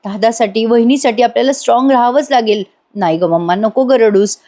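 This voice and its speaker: A woman voicing a young man gently comforting his crying mother, in a serial recap. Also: on the high side, a little fast, natural voice.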